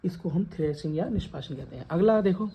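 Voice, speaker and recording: A man's voice: high-pitched, animated, fast, dull audio, a little hiss or hum. A male teacher with a Western Uttar Pradesh Hindi accent giving a classroom science lecture, calling students beta and asking questions to the class. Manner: addresses students as beta, asks and repeats questions.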